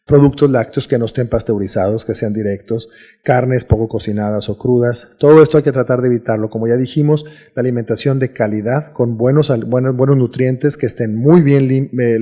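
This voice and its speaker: A man with a Mexican Spanish accent delivers a recorded medical lecture at a steady, explanatory pace. His voice sits at a middling pitch with a mellow, dark tone. He often stumbles, repeats words and restarts his sentences.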